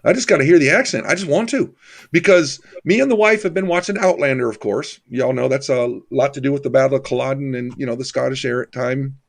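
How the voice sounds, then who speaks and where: A man's voice: mid-range voice, quick pace, gravelly. A man hosting a livestream, chatting casually in a folksy, familiar way with his viewers. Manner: folksy, familiar, addresses viewers as buddy and brother. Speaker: livestream host.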